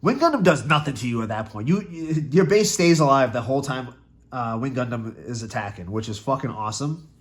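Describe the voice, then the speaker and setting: A man's voice: mid-range voice, animated, fairly quick. A young man casually walking through a trading card deck, with loose, rambling talk, restarts and frequent swearing. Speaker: card game content creator. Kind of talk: casual deck tech breakdown.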